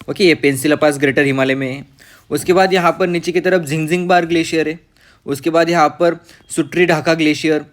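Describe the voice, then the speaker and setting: A man teaching geography from a map for exam students, pausing with fillers and saying "okay" after nearly every point. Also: on the high side. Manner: repeats "okay" after nearly every point, mixing English terms into Hindi; pauses with fillers and self-corrections while reading the map. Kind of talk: map-based lecture.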